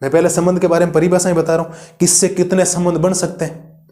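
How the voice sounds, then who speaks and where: Soft-toned man teaching a maths lesson. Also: high-pitched, little pitch movement, fast. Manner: explains step by step, asks the class rhetorical questions; reassuring and encouraging. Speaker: math teacher. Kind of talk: classroom lecture video.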